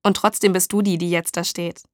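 A woman voicing a blunt, mocking homeless man who collects bottles, talking in rough street slang. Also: fairly low pitch, flat delivery, fairly quick, darkish tone, dry recording, studio quality, natural voice.

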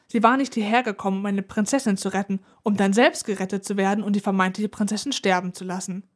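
A woman narrating a children's adventure story aloud in an even, expressive way. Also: mid-range voice, quick pace. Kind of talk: storybook reading.

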